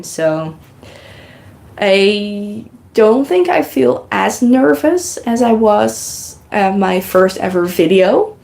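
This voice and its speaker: Using a good podcasting microphone, a Dutch-speaking woman chats loosely while knitting on a live stream, reading viewers' comments aloud and thanking them. She has a mid-range voice with vocal fry and a slightly mellow quality.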